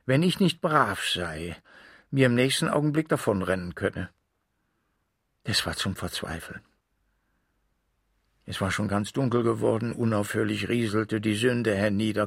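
A man tells a literary story with a dramatic, expressive reading. His voice sits fairly low and is gravelly with a husky edge. The sound is close and dry. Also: no room sound. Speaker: audiobook reader.

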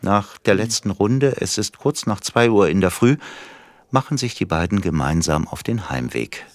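Deep-voiced male drama narrator. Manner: calm, measured storytelling.

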